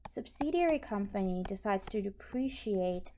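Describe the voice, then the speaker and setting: Working through handwritten notes, a female instructor gives an informal, step-by-step accounting tutorial. She has a medium-pitched, warm and expressive voice and talks at a normal speed. Clicks and obvious noise run through the recording.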